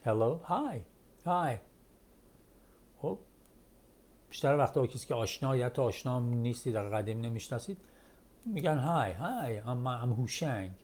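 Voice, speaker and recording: A male English teacher who speaks Persian as his first language, explaining pronunciation step by step and repeating phrases slowly. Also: mid-range voice, expressive, darkish tone. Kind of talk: textbook English lesson.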